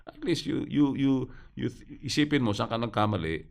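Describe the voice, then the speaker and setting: A man, a pastor giving advice in a casual radio discussion, animated, often tossing in quick rhetorical questions. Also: mid-range voice, gravelly.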